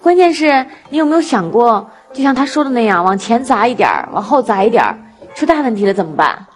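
A woman's voice: fairly high pitch, very animated, fast, long reverb tail, soft background music. A woman hosting a TV talk show, asking probing, attentive questions. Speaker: host.

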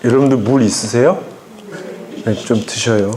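A pastor lecturing parents in an animated, emphatic way, acting out voices as he speaks to a live audience. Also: mid-range voice, normal speed, background noise. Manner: emphatic, acts out quoted voices, often says "막".

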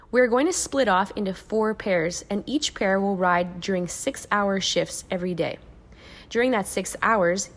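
A woman in her thirties vlogs her cycling training, talking to her camera in a casual, matter-of-fact, upbeat and chatty way. She's outdoors on a racetrack and by the roadside, and the action-camera audio is noisy with a vehicle-like rumble.

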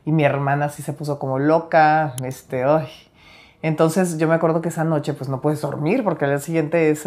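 A woman talks through personal memories in a relaxed interview. Her voice sits low and deep, and she slips into the voices of the people she quotes. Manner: animated storyteller, acts out quoted lines, laughs between stories. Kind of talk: candid interview storytelling.

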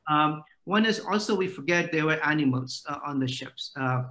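A man's voice: fairly high pitch, expressive, normal speed, pushed and bright. A middle-aged man giving an academic lecture over a video call, with many "uh" fillers.

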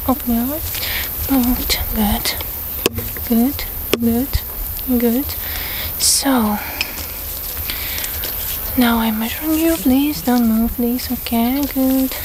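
A young woman doing an ASMR role-play as an ASMR examiner, speaking softly in short, repeated phrases. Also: on the high side, slow, long pauses. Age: young adult. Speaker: ASMR creator playing an examiner. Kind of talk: ASMR role-play, fast soft-spoken and soft-spoken ASMR. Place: outdoors in a grassy field with trees. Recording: outdoor ambient noise with birdsong.

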